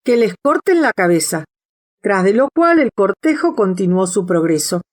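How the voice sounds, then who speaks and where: A woman narrates a classic children's storybook in a steady, measured audiobook reading. Her voice sits at an ordinary mid pitch.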